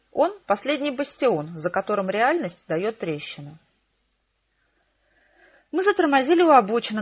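A woman narrating a novel in the first person with a steady, measured reading. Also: medium pitch, breathy edge, dull audio. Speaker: audiobook narrator.

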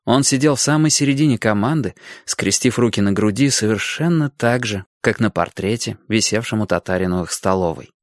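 A man's voice: on the low side, animated, a little fast, few pauses, dry recording, studio quality. A man narrating a story in the first person, reading expressively as an audiobook narrator. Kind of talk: scripted narration.

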